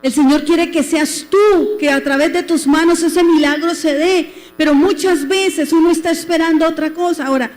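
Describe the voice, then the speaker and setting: High-voiced Colombian woman preaching. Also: steady tone, normal speed, darkish tone, big-room sound. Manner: preaching with questions to the congregation and acted-out quotes. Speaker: pastor. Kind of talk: sermon. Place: church.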